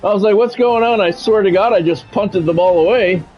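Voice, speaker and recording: With music playing underneath a dull, lo-fi recording, an American streamer talks briskly in a high voice, mixing blunt, casual chat with play-by-play of his game.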